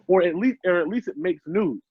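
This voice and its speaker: A man's voice: high-pitched, slightly rough. A man co-hosting a comedy podcast, telling brash, profane stories in casual banter. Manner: brash, rapid, profane storytelling. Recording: dull lo-fi sound.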